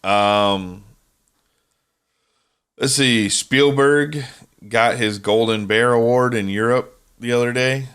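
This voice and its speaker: A man's voice: mid-range voice, slow pace, pauses often, a bit bright, smooth. A man co-hosting a casual podcast, rambling and chatty, often tripping over names. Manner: rambling, stumbles over names, laughs easily. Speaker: podcast co-host. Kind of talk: casual chat.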